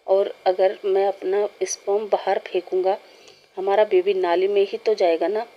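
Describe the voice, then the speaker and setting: A woman's voice: medium pitch, level tone, unhurried, highs cut off, natural voice. A woman voicing a pushy, playful adult male lover who pleads and teases insistently, read aloud in a storybook. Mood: pleading, teasing.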